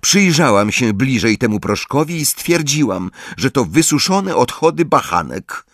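A man voicing a clever, bossy teenage girl in an audiobook, sharp and know-it-all. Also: mid-range voice, very animated, a little slow, dry recording, clean studio sound, pitched above the performer's own voice. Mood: scolding.

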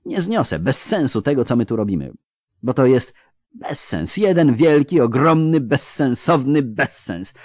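A man's voice: rumbling low, moderate pace, vocal fry, warm tone, dry recording, clean studio sound. A man voicing a young female healer's panicked, breathless inner monologue. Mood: frantic.

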